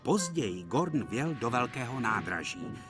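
A man reading scripted storybook narration for a cartoon dub with a lively, expressive delivery. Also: medium pitch. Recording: clear music behind.

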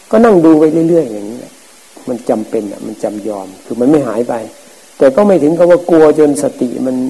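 A middle-aged man, a Buddhist forest monk, giving a calm, plain-spoken dharma talk. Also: mid-range voice, creaky, breathy edge. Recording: hissy, noisy old recording.

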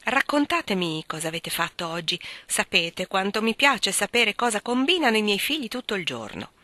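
A woman reading an audiobook, voicing a fond, gentle mother speaking to her children. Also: medium pitch, sing-song, moderate pace, no room sound, pitched above the performer's own voice. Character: warm doting mother knitting by the fire.

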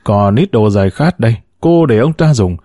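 A man's voice: lowish voice, lively intonation, dark tone, no echo, studio quality. A man reading as a courteous foreigner. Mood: polite. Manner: formal, measured.

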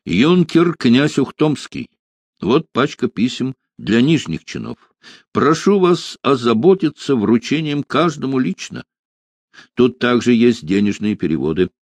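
A man voicing a brisk, formal male naval officer in an audiobook. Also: mid-range voice, expressive, no room sound, pitched above the performer's own voice.

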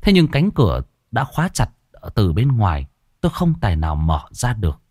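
A man reading a ghost story aloud in dramatic, expressive first-person narration. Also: lowish voice, brisk, no echo, studio quality.

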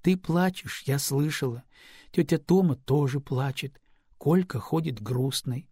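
A husky-voiced man voicing a sad, stubborn little girl who speaks slowly and quietly, in an audiobook. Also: mid-range voice, no echo, studio quality. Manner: slow, subdued.

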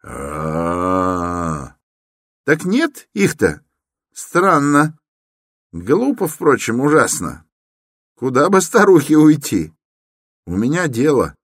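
A man reading an audiobook, voicing an eager, excitable young law student who talks urgently and insistently. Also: mid-range voice, takes it slowly, long pauses, no room sound, clean studio sound, voice pushed up, exaggerated voice. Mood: excited.

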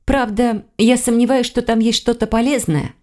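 A woman reading the part of a curious young woman in an audiobook, pitched a little higher and more animated than her narration. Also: normal speed, natural voice.

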